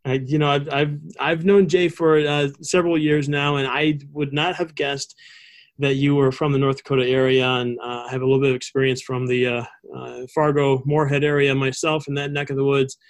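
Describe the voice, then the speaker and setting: A man hosting a conversational business interview show, speaking in a halting, rambling way. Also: mid-range voice, level tone. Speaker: show host.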